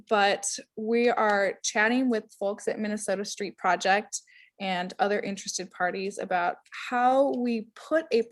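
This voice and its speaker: A woman's voice: medium pitch, dry recording. Enthusiastic woman host, dry sound. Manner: warm and enthusiastic, with frequent fillers and laughs. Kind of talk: casual presentation at a public event. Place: indoor event.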